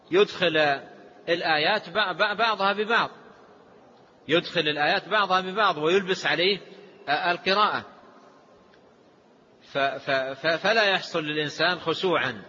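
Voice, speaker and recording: A man with a somewhat high, bright, tense voice that is a little husky gives a lecture. He restates phrases as he explains a text. The sound is dull and lo-fi, with a long echo from a hall. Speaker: sheikh teaching a lesson.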